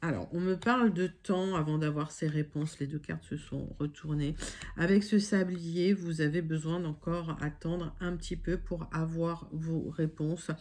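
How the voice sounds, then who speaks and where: A woman's voice: low-pitched, a little mellow. A woman giving a casual online tarot reading. She talks straight to her viewers as friends, reassuring them, with frequent fillers and self-corrections. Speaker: tarot card reader.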